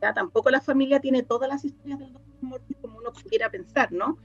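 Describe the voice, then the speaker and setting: Speaking fast in a fairly high, slightly rough voice, a Chilean scriptwriter and radio drama researcher gives an interview in a conversational way, halting as she looks for words and frequently repeating herself. Faint music sits under the dull, lo-fi recording.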